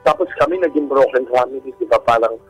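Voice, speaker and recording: A man with a Filipino accent appears as a guest telling his own story, speaking politely and casually with respectful particles. His medium-pitched voice is fast with a breathy edge. The audio is poor, with soft background music.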